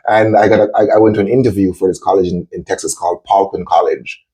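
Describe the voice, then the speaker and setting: A man's voice: low voice, fairly even intonation, quick pace, noisy background. A man from Jamaica hosting a casual interview chat, chatty and enthusiastic. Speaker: host.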